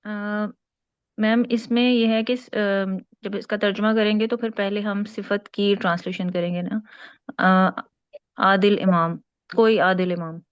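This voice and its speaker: A woman student answering her teacher's questions in class, hesitant and pausing with fillers. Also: mid-range voice, steady tone, clear, resonant tone, dry recording, highs cut off.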